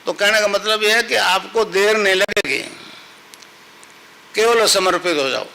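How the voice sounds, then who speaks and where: A man's voice: sits high, measured pace, creaky, sharp tone, rough recording. An older man, a spiritual guru, giving a devotional sermon, telling a story and patiently repeating a mantra for his listeners.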